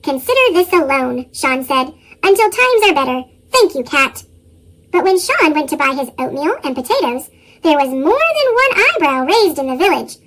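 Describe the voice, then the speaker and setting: A storybook narrator whose voice is run through a sped-up chipmunk effect, reading a tale aloud with lively chuckles in the dialogue. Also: normal speed. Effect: sped-up, pitched-up chipmunk voice.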